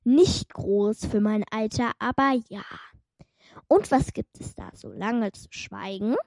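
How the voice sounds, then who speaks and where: Small teasing demon girl, voiced by a woman; slow and dry, close to the mic. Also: fairly high pitch, creaky, darkish tone, no echo. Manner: teasing, sarcastic. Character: small, cheeky young female demon.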